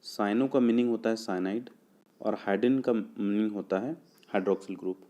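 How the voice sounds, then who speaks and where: A man's voice: fairly low pitch, mellow, muffled recording. A man teaching a chemistry lesson for exam students, explaining step by step and asking and answering his own questions. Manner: checks understanding with "clear?" and "okay"; slows down to spell out formulas piece by piece.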